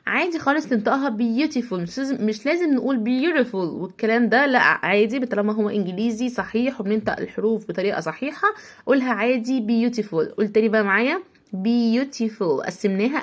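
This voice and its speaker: An Egyptian woman teaching English words to young children, with a voice pitched a little high. She breaks each word into small sounds, stretches them out slowly, and says every word several times. She keeps asking the listener to say the words along with her. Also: lively intonation. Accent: Egyptian Arabic. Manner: has the listener repeat after her. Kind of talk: spelling-out vocabulary lesson for children.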